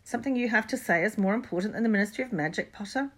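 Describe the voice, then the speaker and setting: A woman voicing a strict older female professor who speaks briskly and firmly. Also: medium pitch, a bit bright, voice pushed up, natural voice. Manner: brisk and clipped, firm.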